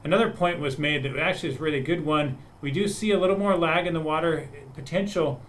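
A man's voice: on the high side, steady tone, fast, a bit bright. A man on a webinar panel explaining soil moisture data, talking through it with frequent restarts and repeated words. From United States.

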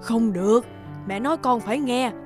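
A woman's voice: on the high side, moderate pace, close to an everyday voice. A woman voicing a superstitious, bossy older mother-in-law who nags and scolds in a cartoon. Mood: insistent. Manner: nagging, scolding. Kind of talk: cartoon dubbing. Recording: loud background music.

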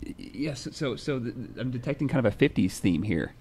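A young man in his twenties hosting a casual newsroom chat at a desk microphone, relaxed and rambling, with many fillers and restarts. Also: medium pitch, a little fast. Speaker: music writer and show host. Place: newsroom studio.

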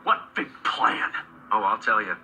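An actor playing a gloating, smug male supervillain in a kids' TV comedy, with slow theatrical menace, heard from a TV played back in a room. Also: on the low side, pushed and bright, slight background noise. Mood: menacing. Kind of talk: children's TV comedy acting.

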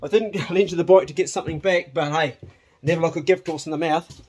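A man's voice: fairly high pitch, fairly even intonation, quick pace, darkish tone, slightly rough. A middle-aged man with a broad New Zealand accent, chatting casually to camera in a laid-back, blokey, slangy way. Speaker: vlogger. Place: around a house: kitchen, yard and glasshouse. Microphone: phone at arm's length.

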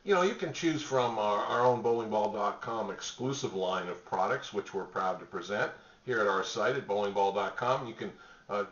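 A middle-aged man pitching gift products to the camera from a small home office, relaxed and rambling with many fillers. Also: moderate pace. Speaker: store spokesman presenting products. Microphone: webcam at desk distance. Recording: roomy, distant, dull webcam audio.

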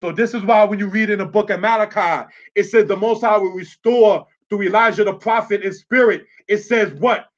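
A man's voice: high voice, moderate pace, hardly any pauses, highs cut off. A man giving a religious teaching in a preachy, streetwise way, often checking with "you understand?".

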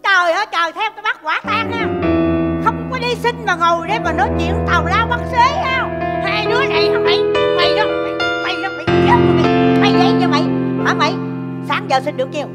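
A shrill scolding mother. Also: quick pace, big-room sound, loud music behind the voice. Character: bossy scolding mother of beggar kids. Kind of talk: stage comedy sketch.

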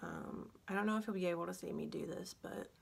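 A woman's voice: on the low side, big pitch swings, fairly quick, gravelly, husky. A young woman chatting casually through a makeup tutorial, drowsy and scattered, talking with a sore, barely opened mouth after having her wisdom teeth out. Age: young adult. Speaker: beauty vlogger. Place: indoor room at home. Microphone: phone on a stand at about arm's length.

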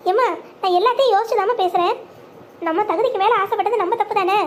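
A woman doing a heartbroken young bride, high and quick. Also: slight background noise. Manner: bitter, resolute.

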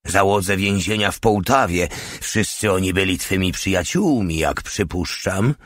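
Brief: man reading a deep-voiced, reproachful veteran sergeant, close and dry. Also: a little slow, fairly bright tone, no room sound. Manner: reproachful, lecturing. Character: stern older male sergeant, indignant.

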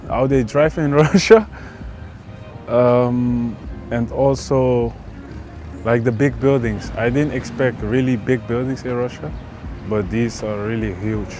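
A young man in his twenties from the Netherlands with a Dutch accent, a footballer giving casual interview answers in a relaxed, hesitant way with many fillers. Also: lowish voice. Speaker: football player. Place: indoor hotel room.

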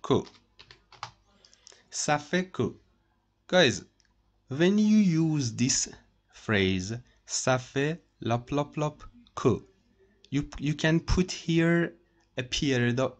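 Male French tutor, unhurried, mid-pitched, repeats and translates, typing heard. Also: animated. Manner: slow, repeats each phrase and translates it. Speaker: French teacher. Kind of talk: screen-share language lesson.

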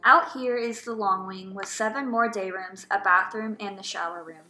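A woman's voice: mid-range voice, moderate pace, bright, forceful tone, faint music behind. A young woman giving friendly scripted narration for a house tour.

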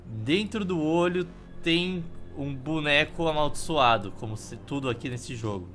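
A Brazilian man streams a game in a slightly high voice, with music playing behind him. He comments casually on what he is doing. His humour is wry and offhand. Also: a little slow, fairly bright tone. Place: indoor room.

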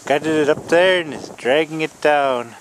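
A man giving casual running commentary while filming a hunting trip in snowy mountains, relaxed and plain, laughing now and then. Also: fairly high pitch, unhurried. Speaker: videographer narrating a hunting trip. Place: outdoors in snowy mountains, windy. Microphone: handheld camera mic. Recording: wind noise on a camera mic.

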